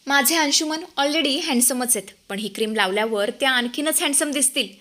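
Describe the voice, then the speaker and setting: A woman's voice: high voice, normal speed, pushed and bright. Woman playing a gushing vain young wife. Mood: delighted.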